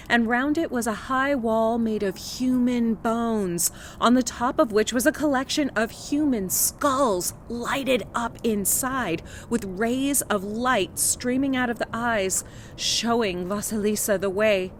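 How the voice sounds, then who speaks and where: A woman reads a folktale aloud as a storyteller, shaping it with dramatic emphasis. Her mid-range voice moves through a lively, animated melody, with faint noise in the background. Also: medium pitch. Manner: expressive, dramatic reading. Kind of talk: folktale read-aloud narration.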